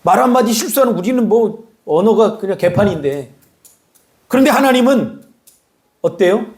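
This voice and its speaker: A man, a pastor, giving an animated sermon in a church and teasing members of the congregation by name. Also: high voice, normal speed. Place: church sanctuary.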